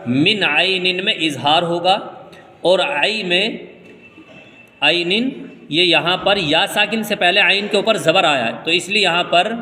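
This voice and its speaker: A man from India teaching Quran reading, spelling out letters slowly and then explaining the rules quickly. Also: high voice, bright, forceful tone, in a large hall. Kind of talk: step-by-step recitation lesson.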